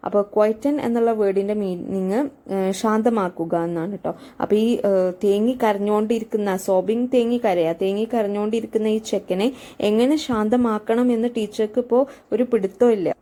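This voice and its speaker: A woman with a Malayali accent, a teacher explaining an English story, reading lines slowly and then explaining with many fillers. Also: mid-range voice, fairly even intonation, mellow.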